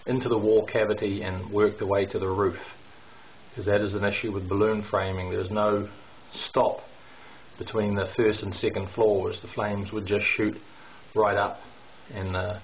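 In this walkthrough video tour, a renovation contractor, a middle-aged man with a fairly low voice, explains the work while hesitating often with "um" and "uh." The handheld camera mic picks him up in a roomy-sounding bare brick basement. The sound is dull and lo-fi, carrying a faint hiss beneath it.

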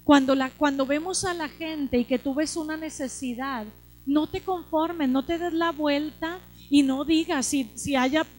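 A woman's voice: high-pitched, fairly even intonation, measured pace, few pauses, darkish tone. A woman preacher, delivering an urgent sermon full of repeated exhortations. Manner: urgent, repeats exhortations, acts out quoted voices.

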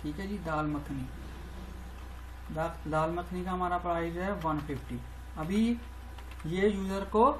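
A woman's voice: mid-range voice, a little hiss or hum, low-quality recording. A woman teaching programming over a screen recording, talking through each step as she types and often repeating her phrases. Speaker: programming tutor. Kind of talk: screen-recorded coding tutorial.

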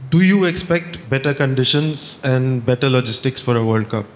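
Reporter asking a long question. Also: male voice, medium pitch, lively intonation, moderate pace, slight background noise. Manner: long-winded question with fillers. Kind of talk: press conference question.

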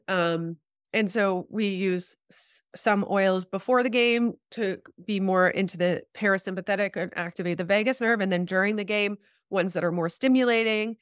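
Speaking a little slowly at a medium pitch, this woman in her thirties sounds stuffed-up and slightly congested. She's a guest chiropractor and acupuncturist on a video call from a small home room, explaining health topics casually with plenty of "like" and "you know." The recording is echo-free and studio quality.

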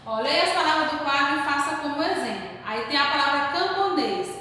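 A Brazilian woman teaching young children, slowly and carefully spelling out words and stressing their strongest syllables as she corrects exercises. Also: sits high, animated, pushed and bright. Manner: slow, careful word-by-word dictation, stressing syllables; calls herself "tia" in the third person. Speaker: primary school teacher. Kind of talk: remote class lesson, correcting exercises. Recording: distant mic in echoey room with faint hiss.

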